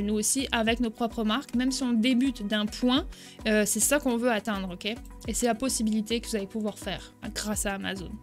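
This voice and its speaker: A woman, giving a chatty screen-share tutorial as an e-commerce coach, often checking in with "ok?". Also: on the high side. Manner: chatty, frequent "ok?" check-ins.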